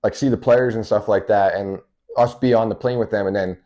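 Young male guest, mellow low voice, direct and chatty, small studio. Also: steady tone, brisk. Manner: direct, storytelling, many fillers. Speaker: guest, baseball coach. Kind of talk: casual interview. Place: small indoor studio room.

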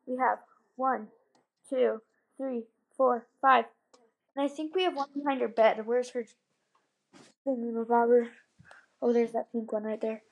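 The voice, described as a woman's, belongs to a young girl vlogging a house tour indoors at night on a handheld phone camera, chatting casually and playfully with sudden exclamations. It's a little high and steady, unhurried with vocal fry and frequent pauses, and the audio quality is poor.

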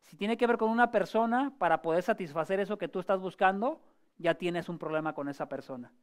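A male pastor giving a sermon in a conversational way, asking the congregation rhetorical questions and often pausing or restarting his phrases. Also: sits high. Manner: frequent hesitations and restarts.

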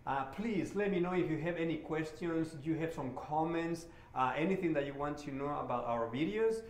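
A man, a bike shop mechanic giving a relaxed hands-on repair tutorial in a shop showroom. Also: fairly high pitch, moderate pace, echoey room. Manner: relaxed and friendly, with many "uh" fillers.

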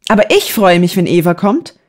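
A woman's voice: lowish voice, sing-song, brisk. A woman reading a sweet little girl who talks in a pleading, childlike way in an audiobook.

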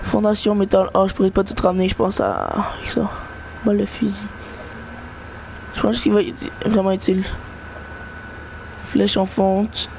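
A gamer chatting live through a game with friends, excitable, cheering teammates on and mixing in English slang and swearing. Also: medium pitch, a little slow, creaky, pauses often, slight background noise.

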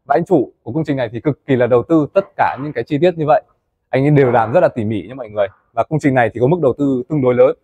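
A young man presenting a tour of a café building site, talking quickly and chattily to viewers, recorded on a lapel mic inside a large wooden building. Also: mid-range voice, dark tone, husky, dry recording, highs cut off. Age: young adult. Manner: fast, chatty, addresses viewers as "mọi người". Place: indoors in a large wooden café under construction.

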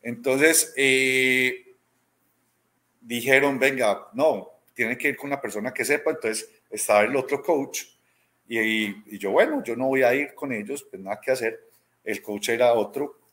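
Bright and forceful in tone, his mid-range voice keeps a measured pace. The speaker is a robotics teacher in his thirties with a Medellín Colombian accent, interviewed by video call from a small room at home, where he tells stories in a conversational way, acts out quoted dialogue, and frequently says "¿cierto?".

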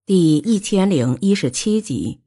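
Woman narrator for an audiobook, lively pitch, expressive storytelling. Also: measured pace, husky. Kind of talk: scripted narration.

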